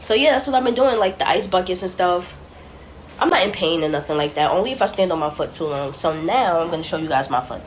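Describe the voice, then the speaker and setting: A woman's voice: fairly low pitch, expressive, fast, slight background noise. Chatty young woman telling a story. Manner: chatty and blunt, swears freely, acts out quoted people. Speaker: vlogger. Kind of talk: casual storytelling to camera.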